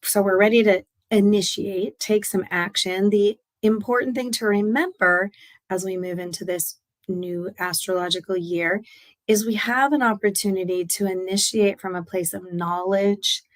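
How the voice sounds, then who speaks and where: A woman with a raspy voice, recovering from laryngitis, hosting an upbeat, chatty solo talk as an astrology business coach. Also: medium pitch, steady tone, moderate pace. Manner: upbeat, chatty, with fillers and restarts. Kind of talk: casual solo talk to camera.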